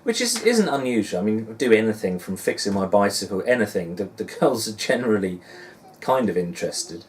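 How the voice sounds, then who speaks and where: A man's voice: lowish voice, brisk. A man in his forties with a Suffolk English accent, chatting casually in a rambling, self-deprecating and musing way, as in a personal vlog. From Suffolk, England. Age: 40s. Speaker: dad blogger and vlogger. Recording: distant mic with faint background noise.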